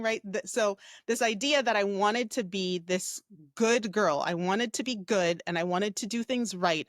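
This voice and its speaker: A woman's voice: fairly high pitch, dry recording. Reflective woman in a dry room. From United States. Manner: reflective, with frequent fillers and tag questions. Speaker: guest, mindset coach. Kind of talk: casual interview talk.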